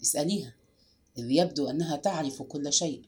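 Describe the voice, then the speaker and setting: A woman reading aloud and voicing a frightened young man accused of murder, in a low, strained and sullen way. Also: expressive, brisk, dark tone, natural voice. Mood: tense, sullen.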